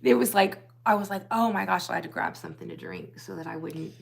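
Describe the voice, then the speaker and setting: A woman's voice: lowish voice, very animated, fast, gravelly. A woman co-hosting a casual livestream chat, telling rambling stories with a slightly wheezy, scratchy voice. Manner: rambling storyteller, many restarts. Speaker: livestream co-host.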